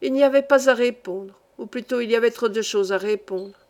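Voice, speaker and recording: A woman narrates a classic novel in audiobook style. Her reading is steady and measured, set in a fairly high voice. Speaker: audiobook reader.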